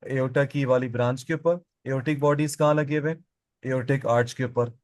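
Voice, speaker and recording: A man's voice: mid-range voice, steady tone, moderate pace, a little mellow, no echo. A man teaching biology in a classroom, asking his students questions and answering them himself, and repeating the key terms. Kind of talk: classroom lecture.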